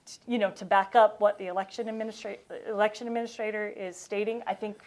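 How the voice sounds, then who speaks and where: A woman on an election panel, answering an audience question in a measured way with frequent fillers. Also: medium pitch, flat delivery, a little mellow. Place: conference hall.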